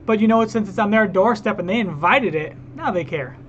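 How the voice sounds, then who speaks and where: A man's voice: high voice, fairly quick, a bit bright, highs cut off, a little hiss or hum. A man hosting a reaction video, ranting heatedly and talking straight to his viewers. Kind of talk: casual reaction commentary.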